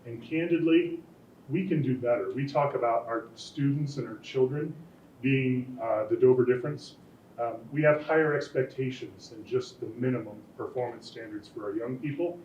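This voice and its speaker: A man's voice: mid-range voice, moderate pace, a little mellow, a little hiss or hum. A middle-aged man, a school board candidate, answering forum questions in an earnest, folksy way. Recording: echoey room from far off, dull sound.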